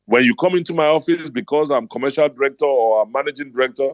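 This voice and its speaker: A man's voice: medium pitch, fast talker, dry recording. A middle-aged man with a Nigerian accent, hosting a motivational talk and telling his stories bluntly and emphatically. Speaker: host.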